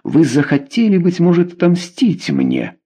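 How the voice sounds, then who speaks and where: A man voicing a proud, wounded young queen in an audiobook, speaking softly and wistfully. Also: a little high, huge pitch swings, unhurried, breathy edge, voice pushed up, exaggerated voice.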